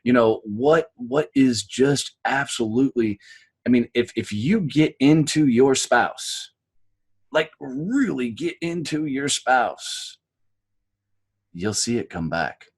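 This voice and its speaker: An American man telling his story as a podcast guest, blunt and animated, swearing freely. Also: medium pitch, takes it slowly, breathy edge. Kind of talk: candid interview storytelling.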